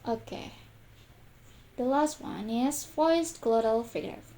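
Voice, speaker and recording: A woman's voice: fairly high pitch, slow pace, mellow, poor audio. A young woman student giving a class presentation, speaking carefully and repeating each example sound several times. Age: young adult.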